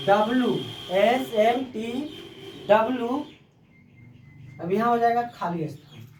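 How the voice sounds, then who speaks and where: Male teacher, high voice, classroom lecture, slow spelled-out letters, rhetorical questions to students, voice from across the room. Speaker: reasoning teacher. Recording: echoey room, voice far from the mic.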